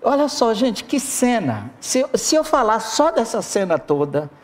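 A preacher delivering a sermon with an expressive manner, talking straight to the congregation. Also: medium pitch, unhurried. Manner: expressive, addresses the congregation directly.

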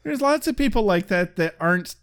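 A man's voice: sits high, expressive, fairly quick, fairly bright tone, smooth. Laughing, jokey male podcast co-host. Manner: laughs often, jokey asides. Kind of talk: casual podcast chat.

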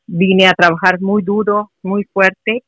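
A woman's voice: medium pitch, little pitch movement, slow pace, a bit bright, no echo. A middle-aged woman from Mexico City, a guest in a casual interview, speaking earnestly and encouragingly. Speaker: interview guest, mother of a player. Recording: muffled, dry recording.

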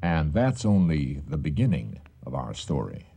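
A man's voice: a bass voice, sing-song, moderate pace, gravelly. A man hosting and narrating a radio drama in a scripted, dramatic storytelling style. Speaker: host and narrator. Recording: faint music behind the voice.

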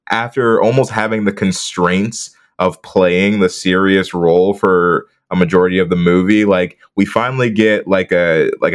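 A man co-hosting a casual movie podcast, laid-back and rambling, laughing often. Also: sits low. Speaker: podcast co-host.

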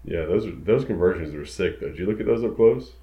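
Deep-voiced man with quick offhand remarks. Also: expressive, dull audio. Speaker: podcast co-host. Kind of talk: casual podcast chat.

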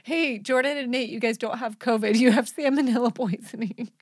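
A young woman co-hosting a podcast in casual chat, giggly and apologetic. Her voice sits a little high. The sound is dry and close to the mic. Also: fairly quick, no echo. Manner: giggly, apologetic, keeps laughing. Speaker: podcast co-host.

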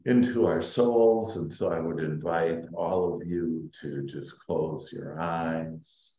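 Male meditation guide, sleep-story narration style: very low voice, soft and hushed, unhurried pauses, in an echoey room. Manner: soft, hushed, calming delivery with long pauses. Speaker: spiritual teacher and meditation guide. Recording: dull, roomy echoing sound.

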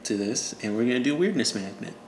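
A man's voice: mid-range voice, lively intonation, quick pace, a little mellow. A man narrating as game master in a casual, joking way. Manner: casual, laughing, loose and joking. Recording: echoey room with faint ambient noise.

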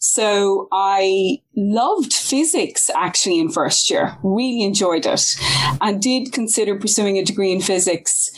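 A woman's voice: medium pitch, animated, measured pace, rough recording. A woman in her forties with a west of Ireland accent, chatting effusively as an interview guest and recalling her own life. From Galway, west of Ireland. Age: 40s. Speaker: podcast guest, science academic. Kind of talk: conversational interview, personal recollection.

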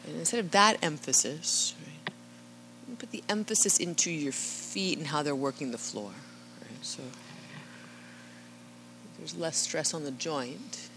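A woman leading a live yoga class, calmly cueing breath and movement and often checking in with "right?". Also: low-pitched, background noise. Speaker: yoga instructor.

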